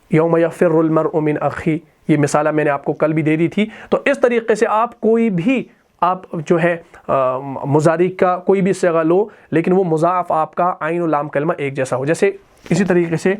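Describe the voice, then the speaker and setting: A man teaching Arabic verb conjugation, reciting each word form slowly and then explaining it in plain terms. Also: sits high, a little mellow. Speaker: Quran and Arabic grammar teacher.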